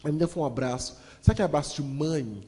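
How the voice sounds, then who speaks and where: Man, Brazilian Portuguese accent, motivational storyteller, lively, audience-facing, mellow, long hall reverb. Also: fairly high pitch, fast. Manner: lively, acts out voices, addresses audience as "gente".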